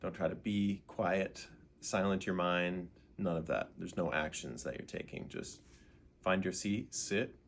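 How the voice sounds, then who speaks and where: A man guides a meditation without hurrying, gently posing questions and leaving pauses. His voice is low-pitched and creaky, with a little hiss or hum in the recording.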